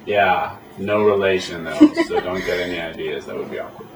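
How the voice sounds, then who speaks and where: A man's voice: low-pitched, steady tone, moderate pace. A man who works as an animator, chatting casually in an interview and telling rambling, self-amused stories. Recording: echoey room, mic at a distance, faint hiss.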